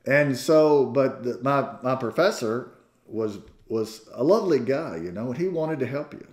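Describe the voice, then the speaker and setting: A man's voice: mid-range voice, lively intonation, unhurried, a little mellow. A man in his sixties with a Southern American accent, preaching a sermon as pastor with folksy storytelling and self-deprecating jokes. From Southern United States. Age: 60s. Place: church sanctuary. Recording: echoey church room.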